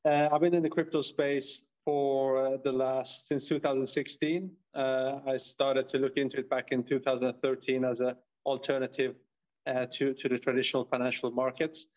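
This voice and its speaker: A man with a Swedish accent answering interview questions in a relaxed way, with "you know" fillers. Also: mid-range voice, normal speed. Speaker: guest, co-founder. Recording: dull lo-fi audio.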